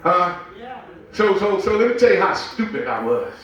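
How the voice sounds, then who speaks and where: A man with a Southern US accent preaching a sermon with call-and-response, slowing down and shouting for emphasis. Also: sits high, sing-song, lo-fi sound. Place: large echoey church sanctuary. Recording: echoey church hall from far off.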